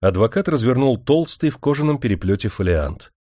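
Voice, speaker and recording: A man narrating an audiobook in a steady, dramatic reading. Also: mid-range voice, fairly quick, no room sound, clean studio sound.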